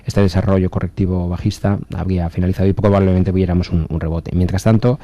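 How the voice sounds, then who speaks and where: A man's voice: sits low, steady tone, warm tone, no room sound. A man working as a market analyst on a radio call-in show, explaining stock charts at length with frequent hesitations. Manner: measured technical explanation with many fillers.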